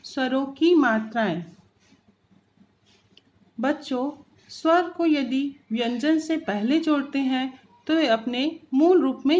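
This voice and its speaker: Slow, careful Hindi teacher woman. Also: high voice, a little mellow. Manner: slow, careful teacher's delivery, drawing out example sounds. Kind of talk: recorded grammar lesson for children.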